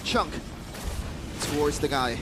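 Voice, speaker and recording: A high-voiced man works as an esports shoutcaster, calling a match live. He is excitable and breaks into exclamations, with music playing behind him. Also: slow pace. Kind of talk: live game commentary.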